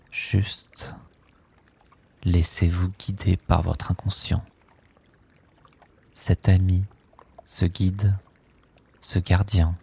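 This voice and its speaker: Man, guided sleep meditation, very deep voice, husky, soft hushed delivery, long pauses. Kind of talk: slow guided relaxation script.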